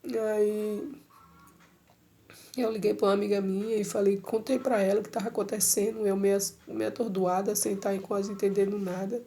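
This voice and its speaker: A woman's voice: medium pitch, level tone, moderate pace, vocal fry, dark tone. A middle-aged woman giving an emotional personal church testimony, repeating herself and addressing listeners tenderly.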